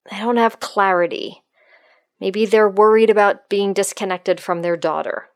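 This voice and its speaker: A woman's voice: mid-range voice, dry recording, studio quality. A middle-aged woman hosting a solo podcast, speaking to listeners in an open, friendly manner. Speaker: podcast host and life coach.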